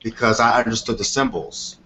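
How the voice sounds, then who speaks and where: A tarot reader taking calls on a show talks a little fast in a low, steady voice, with crowd noise in the background. He rambles casually and off the cuff, frequently checking he's understood by repeating "you know what I mean," and the recording is dull and lo-fi with clear noise.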